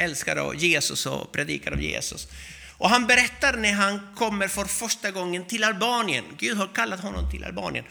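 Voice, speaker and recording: A male preacher with a high, very bright voice delivers a sermon. He tells stories with animation and acts out the voices of the people in them. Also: creaky.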